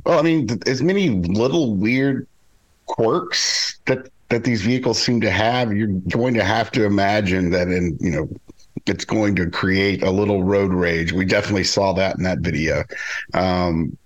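A man's voice: lowish voice, normal speed, low-quality recording. A man co-hosting a podcast chat, thinking aloud in a hesitant, questioning way. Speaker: podcast co-host. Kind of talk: casual panel chat.

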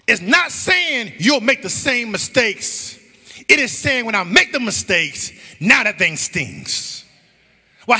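A man preaching a sermon as pastor, shifting between slow emphatic lines and rising shouts with sung phrases, recorded in a church sanctuary. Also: high-pitched, breathy edge. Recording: church hall reverb.

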